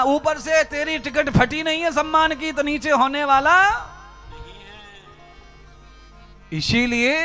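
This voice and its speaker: This man preaches with a very high, bright voice, and he speaks straight to his listeners. He drives his points home with rhythmic repeated phrases. Soft music plays behind him. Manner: exhorting, direct address to listeners, rhythmic repetition. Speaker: spiritual preacher. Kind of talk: sermon.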